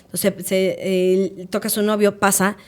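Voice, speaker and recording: With a mid-range voice and a measured pace, a Mexican podcast co-host in her late thirties recounts stories in an easygoing chat. She's animated, bringing quoted people to life by acting out their voices.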